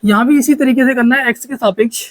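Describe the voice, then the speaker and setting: A man's voice: very high voice, fast, poor audio. A man teaching a maths lesson, talking in a repetitive, coaxing way and often checking that students follow.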